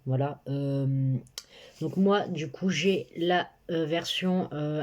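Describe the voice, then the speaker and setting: A woman's voice: deep voice, warm tone. A nineteen-year-old woman chatting casually in a reading vlog, hesitant and full of filler sounds, recorded on a phone in her bedroom. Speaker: book vlogger. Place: bedroom at home. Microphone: phone camera.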